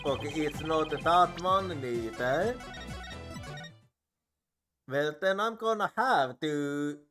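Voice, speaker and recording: A man's voice: fairly high pitch, expressive, slow, a bit bright. A man streaming a game, thinking aloud and musing to himself as he plays. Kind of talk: casual gameplay commentary. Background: game music.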